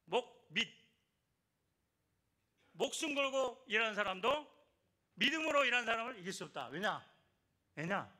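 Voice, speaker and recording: Older male church elder, bright and forceful, preaching and urging his listeners. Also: high-pitched, animated, fairly quick. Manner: exhorting, repeats key phrases, asks the congregation for responses. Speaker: church elder giving testimony. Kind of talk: evangelism testimony in a church service.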